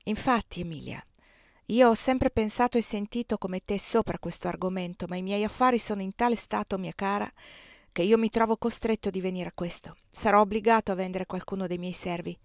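A woman voicing a troubled middle-aged plantation owner who speaks in a low, subdued, reluctant way, in a dry recording. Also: brisk, no room sound, close to an everyday voice. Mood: regretful.

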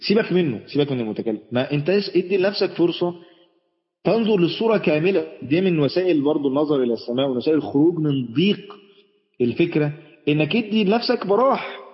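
A man's voice: on the high side, big-room sound, lo-fi sound. A man with an Egyptian accent giving a chatty religious lesson, speaking straight to his audience and often restarting his sentences. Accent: Egyptian Arabic. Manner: chatty, addresses the audience directly, frequent restarts. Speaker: sheikh giving an Islamic lesson.

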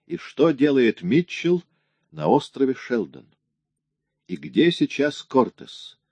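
A man's voice: mid-range voice, very animated, slow, a little mellow, husky, no room sound, lo-fi sound, pitched above the performer's own voice, heavily acted. A man voicing a wry, cocky male police detective who keeps pressing with mocking questions.

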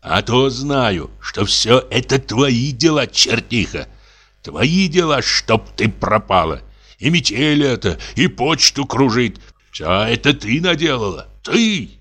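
A man reading an audiobook and voicing a superstitious peasant sexton who mutters hoarse, tearful accusations at his wife. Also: medium pitch, very animated, slow pace, fairly bright tone, voice pushed up, exaggerated voice. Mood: accusing.

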